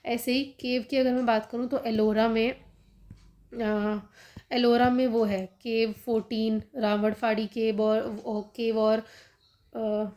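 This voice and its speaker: A young woman teaching exam prep in a quick, chatty way, sprinkling in fillers as she explains. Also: on the high side, level tone, a little mellow. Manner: fast, chatty, frequent "theek hai" fillers. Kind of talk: casual study-guidance talk, Hindi-English mix.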